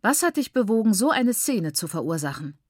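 A woman's voice: medium pitch, sing-song, brisk, no room sound, studio quality, voice pushed up. Woman reading a stern scolding male teacher. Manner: raised, scolding, commanding.

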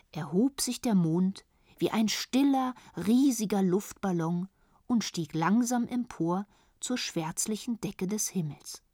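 A woman reading a children's story aloud in a calm, even storytelling manner. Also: mid-range voice, no echo, studio quality. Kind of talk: storybook narration.

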